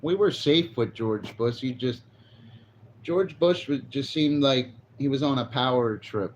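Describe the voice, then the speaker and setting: The speaker is a man in his forties chatting on a casual livestream, wandering from topic to topic and swearing from time to time. His medium-pitched voice is unhurried. It's recorded on a phone on a selfie stick, so the audio is dull with slight background noise.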